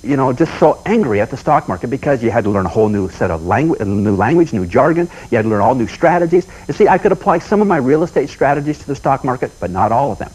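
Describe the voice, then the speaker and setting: A man's voice: mid-range voice, expressive, quick pace, hardly any pauses, a little mellow, slightly rough, poor audio. A man telling folksy stories as a motivational seminar speaker, with punchy repetition.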